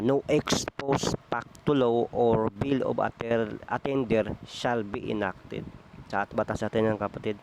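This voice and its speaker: Gravelly-voiced male preacher. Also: on the low side, background noise. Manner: addresses listeners as brethren, asks frequent tag questions; mixes in English phrases, many hesitations. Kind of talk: conversational Bible sermon.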